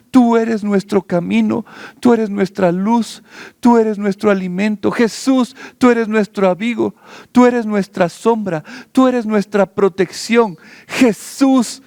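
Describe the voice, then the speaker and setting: A man preaching a sermon as pastor, repeating phrases in a fervent cadence, then praying in slow, pleading words. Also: sits high, a little mellow, no echo, studio quality. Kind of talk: sermon turning into prayer.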